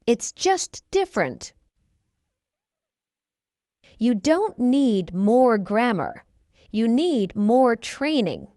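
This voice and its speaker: A woman teaching English in a slow scripted lesson, speaking clearly and carefully, repeating each phrase for practice. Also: a little high, very animated, dark tone, no room sound, studio quality.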